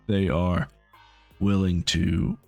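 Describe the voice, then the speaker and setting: A deep, gravelly man gives reaction commentary, sounding incredulous and halting as he restarts his thoughts. His voice is recorded close and dry, with little room sound. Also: little pitch movement, a little mellow, no echo, faint music behind. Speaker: reaction video host.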